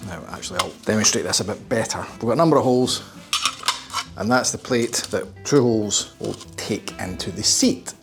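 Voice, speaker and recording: A man's voice: on the low side, normal speed, over music. A man building a kit car in his garage workshop, thinking aloud, muttering and self-deprecating, with a curse under his breath now and then.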